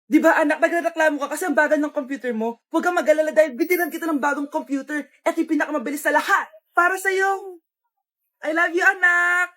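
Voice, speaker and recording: A woman's voice: high voice, fast, a bit bright. A woman playing a doting, overbearing mother who gushes over her child in a comedy skit. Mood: gushing, affectionate. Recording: roomy indoor echo.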